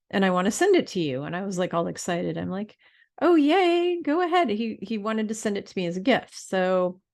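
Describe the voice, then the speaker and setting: A woman's voice: lowish voice, gravelly. A woman talking casually to camera in a rambling, chatty way, with fillers and restarts. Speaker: spiritual vlogger.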